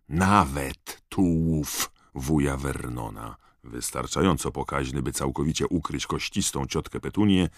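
A man narrating an audiobook in expressive storytelling style. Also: very deep voice, creaky, husky, dry recording, clean studio sound. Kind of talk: scripted narration.

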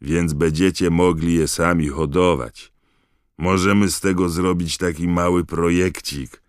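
Man doing a giant gamekeeper, loud and hearty, rustic talk, very deep, dry close sound. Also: fairly even intonation, unhurried, clear, resonant tone, no room sound. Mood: proud, hearty. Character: huge gruff gamekeeper fond of monsters.

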